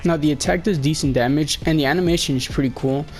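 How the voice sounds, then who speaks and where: Speaking quickly over music, this young gameplay commentator has a slightly high voice that's fading because he's a bit sick. His casual walkthrough narration wanders and hesitates, full of filler words.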